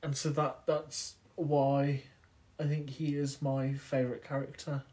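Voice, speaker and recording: A man co-hosting a podcast, talking in a relaxed, thoughtful and hesitant way. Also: medium pitch, measured pace. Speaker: podcast co-host. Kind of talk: casual chat.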